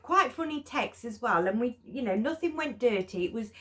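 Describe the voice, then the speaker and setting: Animated woman vlogger. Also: on the high side, normal speed. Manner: animated, acts out her own past reactions. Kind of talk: casual storytelling chat.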